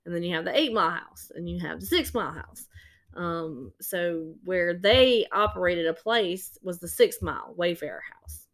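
A woman's voice: lowish voice, moderate pace, a bit bright. A woman co-hosting a podcast, casually retelling an old story with lots of fillers and restarts. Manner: rambling, filler-heavy retelling. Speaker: podcast co-host.

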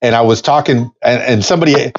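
A man's voice: medium pitch, a little hiss or hum. A man in his fifties hosting a podcast interview, talking eagerly with frequent restarts. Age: 50s. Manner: halting, restarts words, enthusiastic. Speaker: podcast host. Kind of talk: casual interview chat. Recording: slightly dull lo-fi audio.

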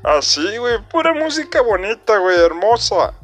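A man voicing a brash young man with a nasal voice and a Mexican accent, telling a joke in loud, rambling street slang. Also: high-pitched, very animated, moderate pace, faint music behind, voice pushed up, full character voice. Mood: rowdy.

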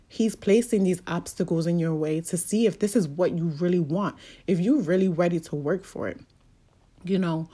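Woman, motivational speaker, casual and preachy, swears often; warm, lowish voice. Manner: candid, profane, preachy.

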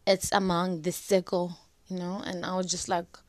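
Speaking on the low side in a flat delivery at a moderate pace, a young woman gives casual advice to camera as a vlogger. A flu and dry cough have made her voice slightly cracked, and she fills her talk with many "like"s. There's no echo.

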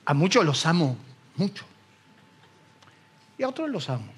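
A middle-aged man with a Rioplatense Spanish accent preaching a sermon as pastor, lively and acting out the voices of people he quotes. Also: on the high side, measured pace, a little hiss or hum.

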